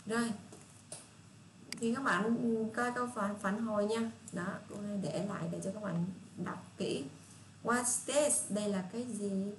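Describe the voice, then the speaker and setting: A woman with a Southern Vietnamese accent teaching children English, patient and repetitive, reading English phrases out slowly. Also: mid-range voice. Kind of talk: casual spoken lesson for children. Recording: echoey room with faint hiss.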